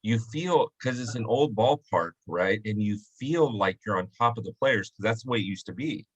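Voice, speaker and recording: A man's voice: on the low side, expressive, normal speed, breathy edge, rough recording. A man hosting a casual interview, telling a long story and acting out quoted lines. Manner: chatty storyteller, acts out quotes. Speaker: host. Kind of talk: casual video chat interview.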